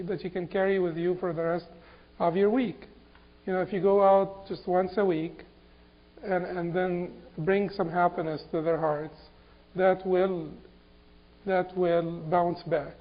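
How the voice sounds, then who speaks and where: A man from Egypt giving an Islamic lecture, halting and repeating words with many fillers. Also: high-pitched. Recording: dull lo-fi recording.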